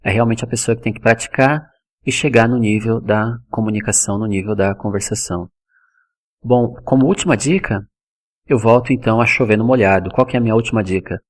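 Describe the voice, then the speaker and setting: A man from Brazil teaching English pronunciation in a video lesson, explaining patiently and repeating each word slowly so it can be copied. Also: fairly low pitch.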